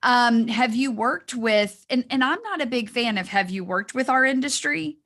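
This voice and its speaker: A woman's voice: a little high, animated, normal speed, fairly bright tone. A woman co-hosting a podcast, asking her partner questions and encouraging him in casual chat. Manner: encouraging, backchannels often. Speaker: podcast co-host.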